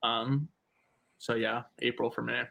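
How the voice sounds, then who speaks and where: A man's voice: mid-range voice, flat delivery, measured pace, vocal fry, fairly bright tone. A man with an ordinary mid-range voice co-hosts a podcast. He talks loosely and casually and peppers his sentences with "like". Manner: fills his speech with "like". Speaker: podcast co-host. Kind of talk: casual chat.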